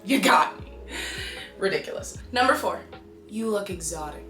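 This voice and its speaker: A young woman from Canada in her twenties, talking casually to the camera in an animated, exasperated and emphatic way. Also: mid-range voice, moderate pace, roomy sound, music in the background. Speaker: vlogger. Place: small bright room indoors.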